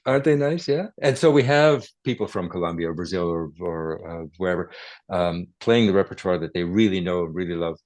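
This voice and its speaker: An older man speaks in a low register, captured dry and close with almost no room sound. He chats easily as an interview guest, chuckling and correcting himself as he tells stories about his recording work. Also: fairly quick, darkish tone, no room sound. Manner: chatty storyteller, chuckles, self-corrects. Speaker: guest, guitarist and recording producer. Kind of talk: relaxed interview conversation. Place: his home.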